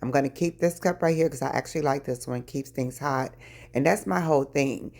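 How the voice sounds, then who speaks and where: Casting: low-pitched middle-aged woman, chatty home vlogger, early morning voice. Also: brisk, vocal fry, darkish tone. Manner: chatty, addresses viewers as y'all. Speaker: lifestyle vlogger. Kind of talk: casual chat while decluttering.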